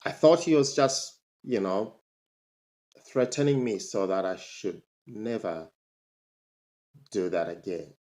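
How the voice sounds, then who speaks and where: The voice is a man's, slightly mellow, slow and often pausing. He is a Zambian motivational speaker narrating his own life to the camera, forceful in tone, with his pitch shooting up on rhetorical questions.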